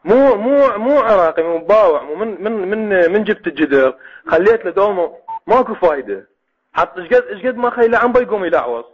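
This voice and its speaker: A man with an Iraqi Arabic accent and a husky voice talking over the phone as a prank caller, stammering and repeating himself with mock-earnest questions. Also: high voice, expressive, fast talker. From Iraq. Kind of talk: phone call, speaking over the phone. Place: on a phone line. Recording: dull lo-fi phone call.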